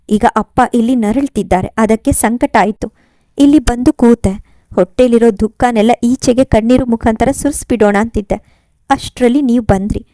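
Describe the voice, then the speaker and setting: Woman doing kind young woman in a story, soft and reassuring, mellow voice. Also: fairly high pitch, no echo, lightly acted. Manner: gentle, reassuring.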